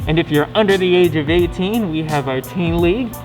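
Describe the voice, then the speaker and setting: A man with a somewhat high voice hosts a casual Q&A. He talks informally and conversationally, often checking in with tag questions. Music plays clearly behind him. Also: fairly quick, a little mellow. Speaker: company video host. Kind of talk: casual scripted-outline Q&A to camera.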